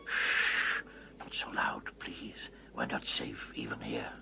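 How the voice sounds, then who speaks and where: An actor playing a fussy, kindly, secretive talking beaver who repeats himself and gives urgent warnings in a children's fantasy drama. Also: male voice, mid-range voice, big pitch swings, brisk, fairly bright tone, a little hiss or hum. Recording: music behind the voice.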